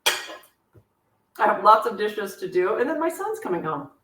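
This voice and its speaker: Hosting a live cooking class at home despite an aching back, this slightly squeaky-voiced woman is very animated yet speaks a little slowly, fielding viewer questions with chatty, good-natured jokes at her own expense. The echoey kitchen places her voice at a distance, with a faint hiss or hum and the clink of dishes and cutlery around her.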